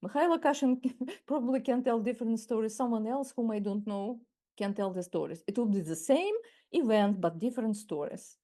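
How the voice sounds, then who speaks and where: Ukrainian by origin and first language, and speaking with a Ukrainian accent, a woman around sixty gives a masterclass as a webinar talk on a video call. Her voice is on the high side with a dark tone, and her measured delivery features frequent restarts and repeated words.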